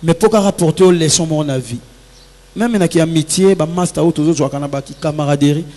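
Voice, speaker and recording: High-voiced man talking in a reverberant hall. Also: brisk, warm tone. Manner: earnest, advice-giving, reflective. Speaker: musician guest. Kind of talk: casual interview talk mixing Lingala and French. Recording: long hall reverb with faint music.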